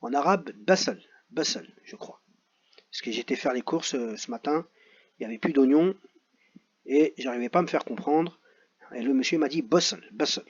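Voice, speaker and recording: A man teaching young pupils, reading out exercises and saying each word slowly twice. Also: medium pitch, darkish tone, husky. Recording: dull lo-fi audio.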